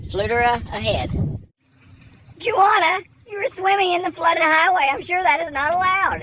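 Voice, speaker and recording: Holding his phone at arm's length, a man plays a self-important tour guide in a rambling comedic monologue, animated and talking to people off camera. His pitch swings widely between lines. The rough outdoor phone recording moves from a lakeside, where wind and passing cars hiss, to the inside of a truck cab.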